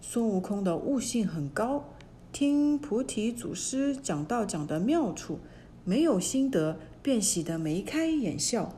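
A woman tells a classic children's myth in a slow, lilting storybook voice. Her tone is soft and mellow, with a faint hiss in the background. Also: on the high side, big pitch swings.

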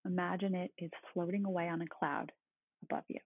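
Calm, creaky meditation guide with husky voice. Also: mid-range voice, fairly quick. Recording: roomy, phone-like thin sound.

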